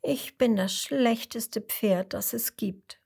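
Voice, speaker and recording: A woman's voice: medium pitch, animated, a little slow, husky. A woman voicing a young female hippo who believes she is a horse, speaking plaintively and often half-whispered, in a storybook read-aloud. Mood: sad.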